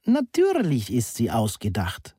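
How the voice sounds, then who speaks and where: A man voicing a calm, pedantic male math teacher in an audiobook, speaking slowly and deliberately. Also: a little high, dry recording, clean studio sound, pitched above the performer's own voice. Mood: lecturing. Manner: slow, deliberate, lecturing. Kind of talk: audiobook character reading.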